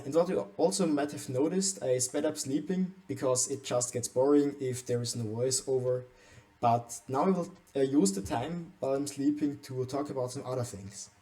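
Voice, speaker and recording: Walking viewers through a game base tour, a young adult man from Austria speaks English with an Austrian German accent, German being his first language. This gaming channel host has a mellow, mid-range voice and sounds hesitant, with frequent stumbles and restarts.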